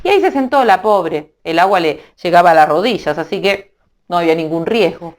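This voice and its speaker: A woman narrating a children's storybook in an animated, playful way, adding sound effects. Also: fairly low pitch, brisk.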